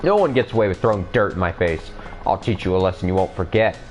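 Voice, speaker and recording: A man's voice: low-pitched, animated, fast talker, a little mellow, soft background music. A man voicing an angry, boastful rich thug from a video game, reading his lines in character. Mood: outraged. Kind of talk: game dialogue read aloud in character.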